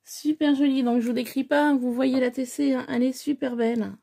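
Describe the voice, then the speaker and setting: Woman with a gravelly kinda high voice, chatty unboxing vlog, lots of ums. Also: fairly even intonation, brisk, dark tone. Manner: chatty and effusive, many hesitant fillers. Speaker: scrapbooking vlogger. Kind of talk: casual unboxing chat.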